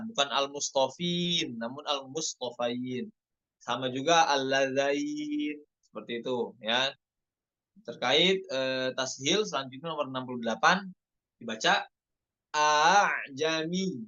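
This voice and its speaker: A man teaching Quran recitation rules in an online lesson, explaining each rule and then reciting the examples slowly. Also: mid-range voice, pushed and bright, lo-fi sound. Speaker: tajwid teacher.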